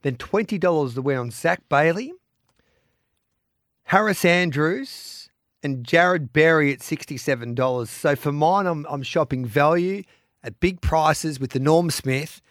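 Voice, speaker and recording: A man's voice: fairly high pitch, measured pace, no echo. Australian man hosting, dry close sound. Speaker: podcast host. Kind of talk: casual sports betting chat.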